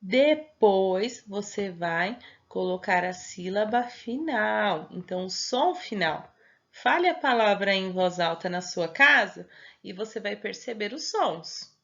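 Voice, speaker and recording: A woman's voice: medium pitch, expressive, takes it slowly, a bit bright. Patient Brazilian woman teacher, dull lo-fi audio. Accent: Brazilian Portuguese. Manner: patient, step-by-step explaining with frequent checking questions. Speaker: primary school teacher. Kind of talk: recorded homework instructions for young children.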